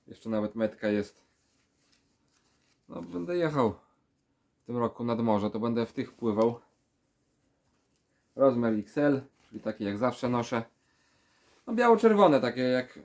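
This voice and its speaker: A man's voice: mid-range voice, unhurried, long pauses, darkish tone. A man in his thirties from Poland with a stuffy, pinched-nose nasal voice, sounding under the weather as he chats casually and ramblingly for a vlog. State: sick with a stuffy nose, feeling weak. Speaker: vlogger. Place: small room with full shelves, indoors.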